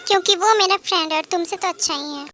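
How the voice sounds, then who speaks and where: A woman's voice: very high voice, fast, a bit bright, a little hiss or hum. A woman plays a stubborn, touchy teenage girl who speaks huffily. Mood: huffy. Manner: huffy.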